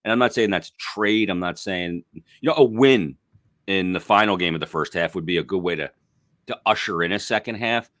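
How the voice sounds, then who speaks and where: A man working as a hockey analyst, talking casually with a rough voice from illness, rambling with restarts. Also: low voice, brisk, a bit bright, dry recording. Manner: rambling, restarts, self-deprecating. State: sick, rough voice. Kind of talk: casual sports chat.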